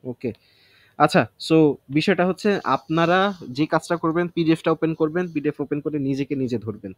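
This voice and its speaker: A man's voice: a little high, moderate pace, no echo. Man explaining vocabulary aloud. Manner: thinks aloud, self-testing word by word; mixes English words into Bengali explanations. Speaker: vocabulary teacher. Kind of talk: casual vocabulary study session.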